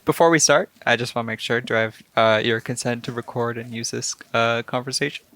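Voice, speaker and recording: Dry-voiced Canadian podcast host. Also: male voice, mid-range voice, steady tone, fairly quick, a bit bright, no room sound. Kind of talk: relaxed interview chat.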